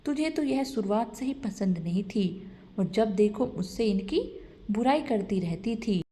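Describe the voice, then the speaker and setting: A woman's voice: medium pitch, expressive, a little slow, warm tone, slight background noise, natural voice. A woman voicing a scheming middle-aged mother who scolds and sounds indignant, in a storybook reading. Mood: angry.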